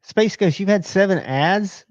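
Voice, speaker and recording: A man's voice: high-pitched, unhurried, no echo, highs cut off. A man hosting a casual live stream, rambling and talking to himself as he checks his screens. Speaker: livestream host.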